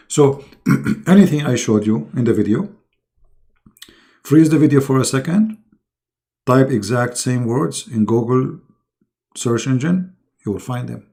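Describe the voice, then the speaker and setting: Hoarse man hosting a live stream. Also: medium pitch, mellow. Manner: chatty, keeps clearing his throat and coughing. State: hoarse, losing his voice. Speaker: online debate host. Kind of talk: live-stream talk to viewers.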